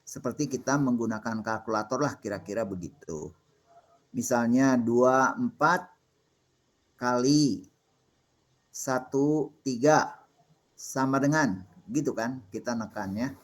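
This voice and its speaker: A man's voice: mid-range voice, unhurried, pauses often. Patient male lecturer explaining step by step. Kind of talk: classroom Q&A on assembly programming.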